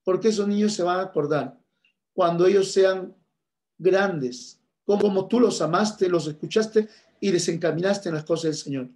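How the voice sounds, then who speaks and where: A man's voice: sits high, moderate pace, darkish tone. A man teaching a church class, earnest and repeating his key points, speaking to listeners as brothers and sisters.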